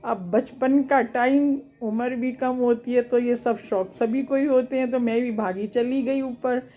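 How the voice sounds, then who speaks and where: Mellow-voiced woman telling a family story. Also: fairly high pitch, steady tone, a little slow. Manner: homely, recalls family memories with acted quotes. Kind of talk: personal storytelling.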